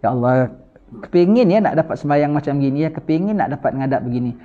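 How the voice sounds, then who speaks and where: A man giving a gentle, repetitive sermon and prayer as a religious teacher, mixing in English words and Arabic recitation. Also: on the high side, lively intonation, fast talker. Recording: tinny phone-like online recording.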